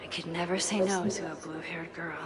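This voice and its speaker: A woman's voice: lowish voice, steady tone, moderate pace, natural voice. An actress voicing a wry, thoughtful young woman in a story game, speaking dialogue and inner monologue in a dry tone. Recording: game audio with loud noise and crowd.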